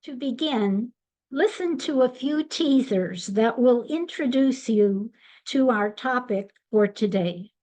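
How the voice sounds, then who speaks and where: An older woman giving a webinar slide presentation in a measured, deliberate way. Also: a little high, darkish tone, low-quality recording.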